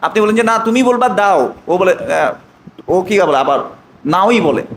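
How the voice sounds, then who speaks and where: A man teaching an online Arabic lesson, drawing out slow model phrases and often asking the students check questions. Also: sits high, expressive, echoey room, a little hiss or hum, low-quality recording.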